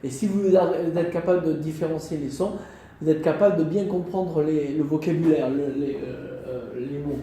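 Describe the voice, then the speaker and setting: A man's voice: fairly high pitch, normal speed, warm tone, far from the mic. A man teaching a French class, patiently repeating words and tagging phrases with little checks to his students. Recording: echoey classroom from afar, faint noise.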